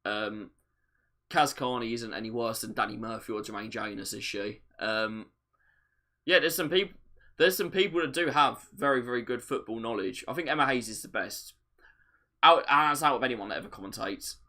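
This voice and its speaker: A man hosting a football watch-along, giving live match commentary and chat, excitable enough to yell at goals on screen. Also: medium pitch, moderate pace.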